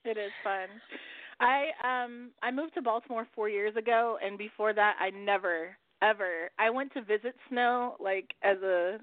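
A woman's voice: mid-range voice, moderate pace, dry recording. Chatty woman radio host on a phone line. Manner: chatty, swears casually, laughs often. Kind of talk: casual talk-radio chat.

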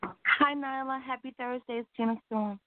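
A woman's voice: sits high, fairly even intonation, normal speed, a little hiss or hum. A woman calling into a radio show over a phone line, cheerful and giggly. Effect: call-in voice over a phone line.

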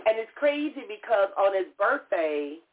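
A radio show host in her fifties chats casually, teasing, laughing and telling stories with animation. Her voice is mid-range at a moderate pace, and the tinny phone-line recording carries a little hiss or hum.

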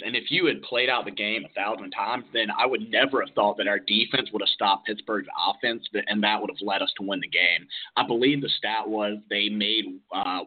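Guy cohosting a sports podcast, rattles off stats, lots of uhs, sounds like a phone line. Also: fairly low pitch. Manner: stat-heavy, analytical, with frequent "uh" fillers. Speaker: podcast co-host. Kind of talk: casual sports talk podcast.

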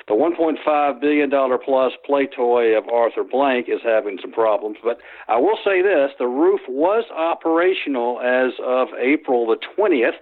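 The man's mid-range voice is expressive, at normal speed, with hardly any pauses. A sports historian, he answers interview questions by telephone in a rambling way full of restarts and fillers. The phone line is tinny.

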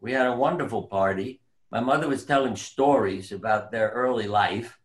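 A man who is a surgeon and author, telling stories in an unhurried, reflective way as an interview guest, sometimes dropping to soft quiet tones. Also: lowish voice. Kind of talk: conversational storytelling.

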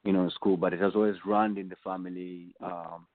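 Guy, really low voice, rambling thoughtful answers, tinny phone sound. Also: little pitch movement, fairly quick, no room sound. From Tanzania. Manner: meandering, reflective, many filler phrases. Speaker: musician guest. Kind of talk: casual interview answers. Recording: tinny phone line, dry.

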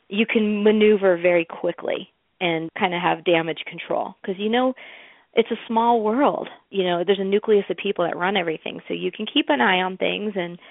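A woman's voice: fairly low pitch, creaky, no room sound. A woman guest in an interview, telling stories in a chatty way with many fillers and restarts. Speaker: interview guest, music promoter. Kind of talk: casual interview talk. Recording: tinny phone line.

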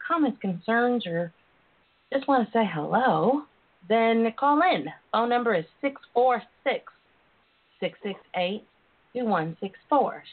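Southern woman hosting over a tinny phone line. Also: on the high side. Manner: folksy, chatty, playful. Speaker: talk show host. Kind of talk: casual, candid radio talk.

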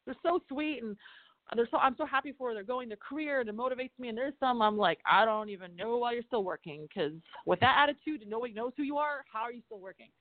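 A woman, an actress and stunt performer, telling animated stories from film sets in a casual interview, swearing and acting out quotes. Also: fairly high pitch, fast talker, no room sound. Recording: dry thin phone-like sound.

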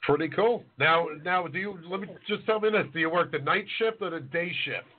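A chef in his forties rambles through a casual podcast chat, joking and poking fun at himself. His voice is high and fairly quick, and it comes through a tinny, phone-like line.

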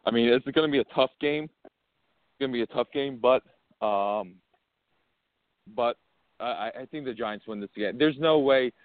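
A man's voice: mid-range voice, moderate pace, pauses often. Hesitant man co-hosting sports radio. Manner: hesitant, repeating words. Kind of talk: sports betting talk. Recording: phone-like line.

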